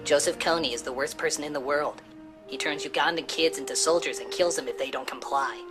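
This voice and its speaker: A woman's voice: fairly quick, over music, natural voice. A woman playing an earnest, overwrought narrator of a campaign video in a comedy sketch. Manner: earnest, escalating into shrill.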